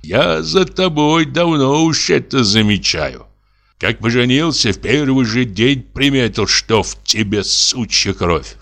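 A man reading an audiobook and voicing a superstitious peasant sexton who mutters hoarse, tearful accusations at his wife. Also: medium pitch, expressive, a little slow, fairly bright tone, pitched above the performer's own voice. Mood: accusing.

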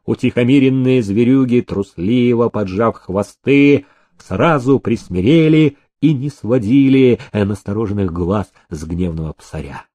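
A man reads a historical novel aloud as an audiobook narrator, in a measured and expressive way. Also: medium pitch, no echo. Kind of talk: scripted narration.

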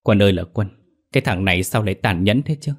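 A grieving old grandmother wails and laments, as a man reads her lines. Her voice sits low. It plays like a horror storybook read aloud. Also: animated, quick pace. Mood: grieving, wailing. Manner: wailing, lamenting.

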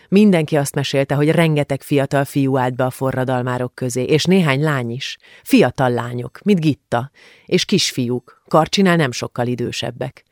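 A woman narrating an audiobook in a calm, measured scripted reading. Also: rumbling low, dry recording, studio quality.

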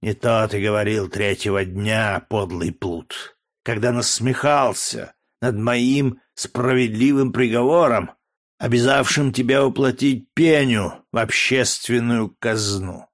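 A man reading an audiobook, voicing a sick, raging old Roman dictator with a hoarse, frenzied voice. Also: mid-range voice, slow, natural voice. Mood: scornful fury.

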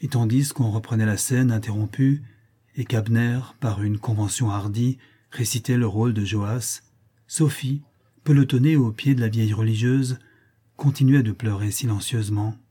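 Guy reading an old short story aloud, calm measured audiobook style, husky voice. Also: medium pitch. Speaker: narrator.

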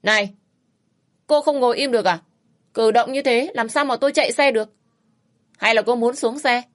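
A woman's voice: a little high, moderate pace, pitched above the performer's own voice, natural voice. A woman putting on a rude, snapping man. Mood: irritated. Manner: snapping, scolding, raised voice. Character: rude gruff man on a motorbike. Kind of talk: storybook narration.

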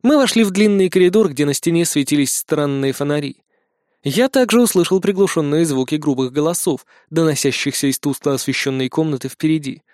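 A man narrating a fantasy audiobook, with lively, ironic asides. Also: a little high, fairly quick, no room sound, clean studio sound.

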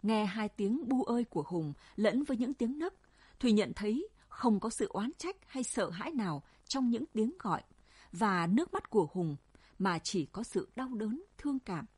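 Husky woman reading a story aloud, dry close mic. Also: mid-range voice, moderate pace, dry recording. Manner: even storytelling. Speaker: narrator.

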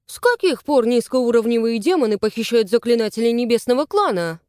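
A woman's voice: fairly high pitch, animated, fairly quick, mellow, no room sound, studio quality, natural voice. A woman reading a palace guard. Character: male palace guard, mocking.

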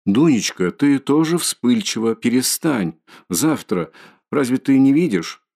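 A man's voice: fairly low pitch, a little slow, warm tone. A man voicing a timid, tearful old-fashioned mother. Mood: frightened pleading. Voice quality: pleading, fearful. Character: anxious middle-aged mother, timid and tearful.

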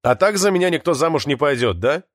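Sardonic teen boy, blunt, raised pitch, read by a man, dry sound. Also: lively intonation, quick pace, dry recording, lightly acted. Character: teenage boy with a limp, sardonic.

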